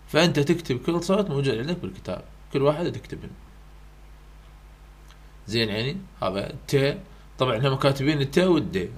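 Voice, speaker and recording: A man with an Iraqi Arabic accent, a university English tutor going through exam question types in a casual, repetitive way, dropping English terms into his talk. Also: on the high side. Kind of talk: exam-prep lesson.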